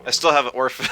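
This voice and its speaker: Streaming a competitive game, a man with a medium-pitched, bright, forceful voice thinks aloud about his moves in casual live commentary. He's chatty, throwing in quick asides and laughs.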